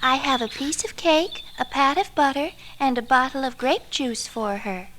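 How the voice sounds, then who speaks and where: A man doing a sweet little girl in falsetto. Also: moderate pace, bright, forceful tone. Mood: innocent. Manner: high falsetto, childlike. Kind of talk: storybook reading.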